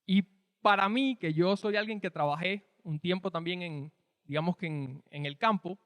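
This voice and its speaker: A man's voice: high voice, normal speed, a bit bright, dry recording, long reverb tail. A man from Cuba with a Cuban Spanish accent, preaching a sermon in an explanatory, conversational way with rhetorical questions. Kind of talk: sermon teaching.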